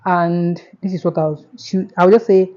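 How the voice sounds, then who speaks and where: A woman's voice: on the low side, steady tone, unhurried, mellow, highs cut off. A Nigerian woman with a Nigerian accent, hosting a casual step-by-step screen tutorial and often repeating herself. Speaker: tutorial host.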